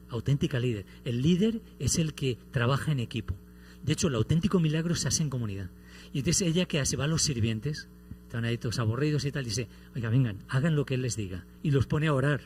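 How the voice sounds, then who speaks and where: Male priest, humorous homily storyteller, mid-pitched, faint hum behind. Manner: animated storytelling with playful humor.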